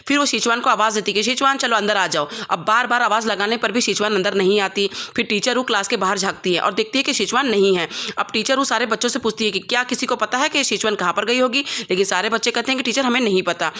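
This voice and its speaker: A woman tells the story of a drama scene by scene at a quick clip. Her voice is bright and forward, and she slips the characters' lines into her own narration without changing voice. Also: on the high side. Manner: fast, quoting every character in the same voice. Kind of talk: storytelling recap with quoted dialogue.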